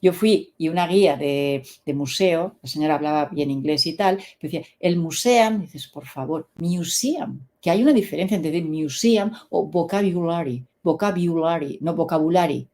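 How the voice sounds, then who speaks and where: A woman's voice: low-pitched, fairly quick, hardly any pauses. A middle-aged woman, explaining her English teaching method as an interview guest and acting out little stories. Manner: animated storyteller, acts out quoted dialogue.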